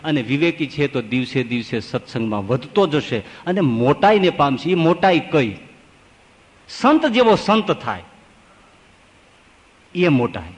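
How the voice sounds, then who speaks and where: A man who is a swami giving a scripture discourse, a folksy, animated storyteller. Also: on the high side. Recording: long hall reverb.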